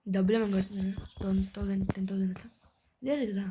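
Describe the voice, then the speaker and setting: A woman hosting a gaming channel, giving casual gameplay commentary in soft, mostly whispered speech on a tablet mic. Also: medium pitch, steady tone, very fast, slight background noise.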